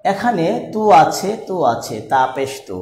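Slow, chanting Quran teacher in an echoey room. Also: male voice, fairly high pitch, big pitch swings, darkish tone. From Bangladesh. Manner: slowly spells out letters and vowel marks, then chants the joined words. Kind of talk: online Quran reading lesson.

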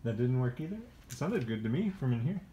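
At home in his living room, a middle-aged man chats casually while patiently coaching his children, giving instructions the way a parent does. His medium-pitched voice is fast, sing-song and mellow. The dull audio was captured from behind a handheld phone camera, with some room noise typical of home phone video.

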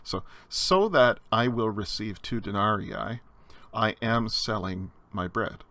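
A man's voice: fairly low pitch, takes it slowly, fairly bright tone, dry recording. A man giving a recorded slide lecture on Greek grammar, explaining step by step with frequent fillers and restarts.

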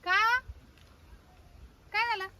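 A woman, playing a worried village wife who quickly scolds her secret lover in a comedy skit. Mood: flustered excuses. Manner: fast, nagging, scolding. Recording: outdoor noise behind.

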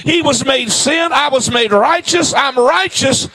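A middle-aged man preaching a sermon in a folksy, emphatic way that climbs to shouting, speaking into a handheld microphone in a church. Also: extremely high pitch, measured pace, no room sound. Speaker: guest preacher. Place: church stage with a drum kit behind.

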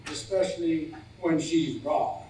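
A man's voice: a little high, measured pace, darkish tone, lightly acted. An older man playing a wisecracking married man at a bar in an amateur stage comedy skit, telling punchline jokes. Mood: joking. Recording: echoey hall, far-off mic, background noise.

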